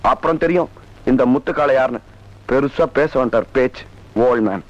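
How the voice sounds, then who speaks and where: A defiant young village man, fairly high, boastful and quick to answer back. The sound is dull, like an old film track. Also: animated. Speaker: village son.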